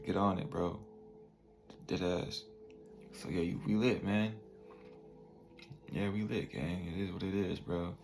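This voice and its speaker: A young man in his twenties speaking slowly in a slightly low, gravelly voice. He talks in a loose, slang-heavy motivational monologue, tagging lines with "bro" and "you feel me". Faint room ambience sits behind him. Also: a little mellow, slight background noise. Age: 20s. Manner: laid-back slang, peppers talk with "bro" and "you feel me". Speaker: vlogger.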